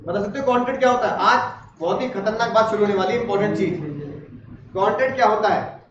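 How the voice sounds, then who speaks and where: Brief: quick, very high-voiced male teacher, joking with students, recorded from across an echoey classroom. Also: background noise. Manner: chatty, asks the class questions and jokes. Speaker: law teacher. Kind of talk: classroom lecture. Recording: roomy, distant, dull classroom recording.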